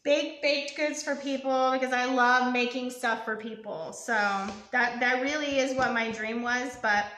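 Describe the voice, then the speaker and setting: A woman's voice: fairly high pitch, fairly even intonation, unhurried, few pauses, fairly bright tone, echoey room. A young woman hosting a live home baking stream in her kitchen, rambling and chatty with lots of ums and asides to her viewers. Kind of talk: casual live cooking demo.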